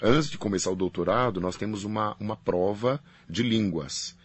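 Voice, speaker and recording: In a long interview answer, a Brazilian priest from Paraná who represents a faculty explains things calmly, repeating the important phrases. His voice is male, deep, and husky, at an ordinary speed.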